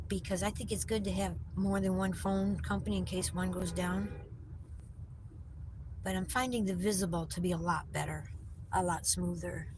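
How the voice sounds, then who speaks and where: Her voice is on the low side, with fairly even intonation and a normal pace. She's a vlogger livestreaming from her car, chatting casually with viewers and responding to their comments as she drives. The mounted phone captures heavy car and road noise.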